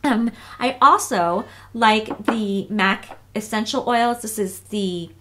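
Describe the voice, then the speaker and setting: Woman, 30s, beauty vlogger, casual and chatty, relaxed, filler-heavy, mid-pitched voice. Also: takes it slowly. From United States. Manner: chatty, relaxed, frequent fillers and self-corrections.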